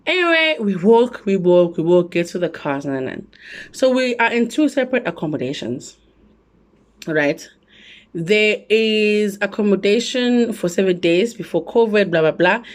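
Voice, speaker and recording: A woman from South Africa with a South African accent, telling a travel story in a casual, animated vlog with lots of asides. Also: medium pitch, normal speed. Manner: animated, chatty, full of asides. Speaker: travel vlogger.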